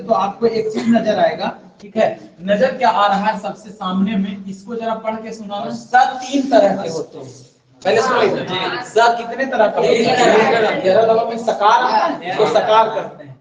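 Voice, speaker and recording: A man's voice: high voice, normal speed, some chatter behind. A male grammar teacher, teaching a class and drilling rules by asking his students to repeat. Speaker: Hindi and Sanskrit grammar teacher. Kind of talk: classroom lesson. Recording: echoey classroom from far off.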